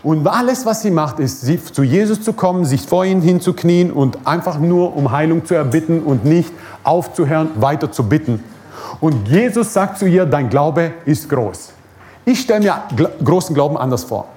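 A man's voice: a little high, lively intonation, normal speed, mellow. A man preaching a sermon at a church service, emphatic, repeating his key phrases and chuckling now and then.

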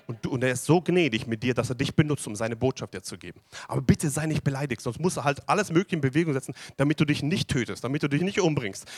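A man preaching a sermon to a congregation, animated and asking them questions. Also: medium pitch, dry recording. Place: church hall with audience.

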